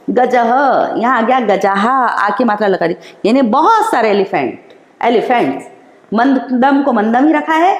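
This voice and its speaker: A woman teacher, explaining slowly and repeating each example in an online class lesson. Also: a little high, darkish tone. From India. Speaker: school teacher. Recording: roomy echo.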